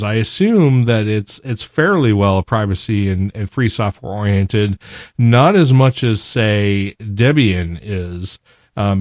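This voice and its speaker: A man's voice: fairly low pitch, a little mellow, dry recording, studio quality. A man co-hosting a podcast in casual chat, talking with many fillers and restarts. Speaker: podcast co-host.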